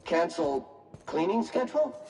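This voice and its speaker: A man voicing a dutiful male cleaning robot with a computer-processing voice, reading out scans and calculations in flat machine readouts. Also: high voice, a little slow, rough recording. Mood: computing. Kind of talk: video game voice acting. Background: game music.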